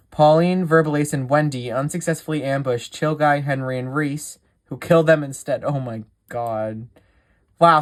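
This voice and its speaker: A video creator casually reading out a game simulator's events, adding chatty, giggly asides and stumbling over words. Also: medium pitch.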